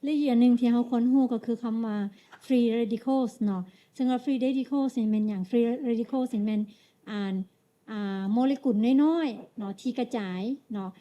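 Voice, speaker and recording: A woman with a Lao accent interpreting a medical lecture, measured, pausing often and ending phrases with tag particles. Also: fairly high pitch, steady tone, lo-fi sound.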